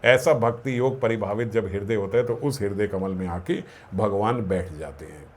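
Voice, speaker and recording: A man giving a devotional discourse, explaining scripture verses, asking his own questions and answering them, and slowing down to chant Sanskrit lines. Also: fairly low pitch. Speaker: spiritual discourse speaker.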